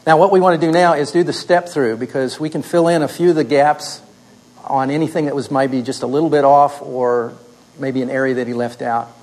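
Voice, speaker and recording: A man's voice: mid-range voice, steady tone, fairly quick, darkish tone, poor audio. A man teaching a class, leading students through a story step by step by asking questions and answering them himself. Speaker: instructor.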